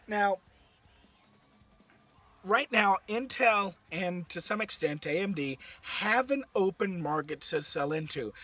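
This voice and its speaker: Hoarse, high-voiced man giving tech commentary. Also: a bit bright, no echo. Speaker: streamer, presenter. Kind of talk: slide-based tech commentary.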